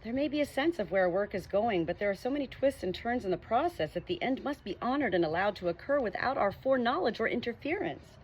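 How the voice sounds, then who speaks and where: Reading a nonfiction audiobook aloud, a woman with a slightly high, husky voice sounds animated and earnest, lifting her voice on questions. She reads quickly with few pauses, and the audio is dull.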